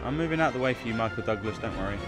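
A man's voice: mid-range voice, expressive, rapid-fire, over loud music. A man casually chatting with viewers while streaming a game, laughing easily. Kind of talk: casual chat while playing.

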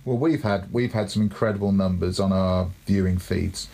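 Cricket coach on a podcast, male, lowish gravelly voice, explains with care. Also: moderate pace, dark tone. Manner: thoughtful, explaining, tag questions. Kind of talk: casual podcast chat.

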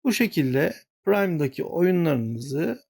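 A man's voice: fairly high pitch, big pitch swings, takes it slowly, creaky, a little mellow, husky. A man hosting a gaming channel, walking viewers through a screen-share tutorial and muttering to himself when he gets flustered.

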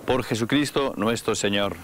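A man leading Mass as the priest, reciting the liturgical prayers in a solemn, measured way in a small chapel. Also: on the low side, slight background noise. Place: small chapel studio with brick wall.

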